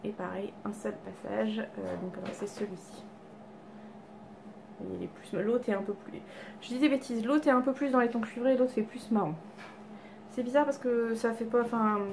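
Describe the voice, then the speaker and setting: At home with cats around, a beauty vlogger chats casually to camera about her makeup haul, self-deprecating and full of fillers and restarts. Her voice is on the high side and darkish, with fairly even intonation, normal speed, and slight background noise.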